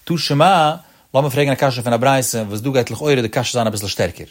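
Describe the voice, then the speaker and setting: A man's voice: mid-range voice, fairly quick. A man giving a Talmud study lecture, with a sing-song cadence that rises and drops on each phrase. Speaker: Talmud teacher.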